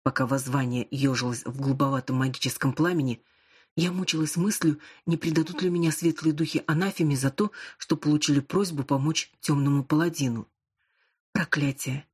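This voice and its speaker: Husky-voiced woman narrating an audiobook. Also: deep voice, fairly even intonation, a little fast, a little mellow. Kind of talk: first-person fantasy audiobook narration.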